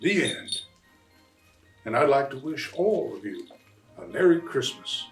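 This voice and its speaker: A man's voice: medium pitch, big pitch swings, measured pace. A man playing jolly old Santa Claus at story time, speaking to children in a friendly way. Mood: jolly, kindly. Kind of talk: storytime greeting. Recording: roomy, distant mic, faint music.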